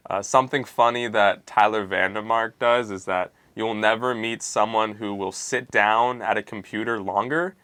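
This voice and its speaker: A young man and college athlete tells a wry story about a teammate. His voice sits fairly low but sounds bright and forward, recorded dry and close. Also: steady tone, normal speed, hardly any pauses, dry recording. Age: young adult. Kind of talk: casual interview comment.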